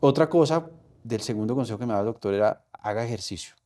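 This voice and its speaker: A middle-aged man with a Colombian accent, telling a personal story in an interview, halting and emotional with many restarts. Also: medium pitch, dark tone. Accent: Colombian Spanish. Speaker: interview guest.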